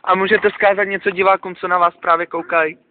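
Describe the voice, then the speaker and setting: A man's voice: sits high, level tone. A man acting as a mock TV reporter, putting teasing, mock-formal questions to someone outdoors at night, recorded on a handheld camera. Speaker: interviewer. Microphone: handheld camera mic. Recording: lo-fi noisy handheld camera audio.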